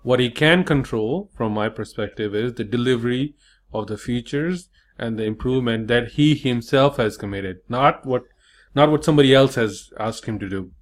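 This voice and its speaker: A man's voice: medium pitch, moderate pace. A man hosting a casual online interview, frank and hesitant with many fillers. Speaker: interview host.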